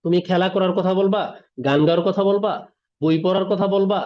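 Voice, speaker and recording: A man's voice: high-pitched, steady tone, fairly quick. A man teaching English in an online class, explaining word meanings and checking in with students after each point. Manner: explains word by word, mixing English terms, asks "ঠিক আছে?". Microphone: video call. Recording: dull lo-fi online class audio.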